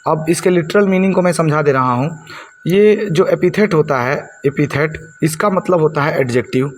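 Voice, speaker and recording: A man's voice: on the high side, moderate pace, slight background noise. Man teaching, repeating words for students. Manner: repeats key words for students, asks and answers own questions. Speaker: English teacher. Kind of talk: blackboard lesson explaining poetic devices.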